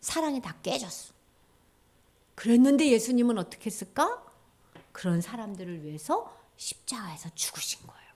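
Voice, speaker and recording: A woman junior pastor telling a story in a sermon, in an animated way, acting out the characters' voices. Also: fairly high pitch, moderate pace.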